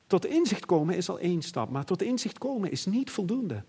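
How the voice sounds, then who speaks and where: A middle-aged man preaching a sermon in an earnest, reflective way, often pausing and restarting. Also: sits high, sing-song, vocal fry, warm tone, slightly rough.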